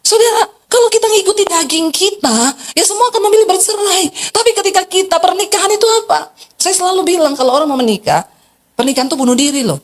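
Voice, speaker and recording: A woman pastor preaching a lively sermon, asking the congregation questions and dropping into casual, blunt asides. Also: fast talker. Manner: wide swings between loud emphasis and quiet, low asides.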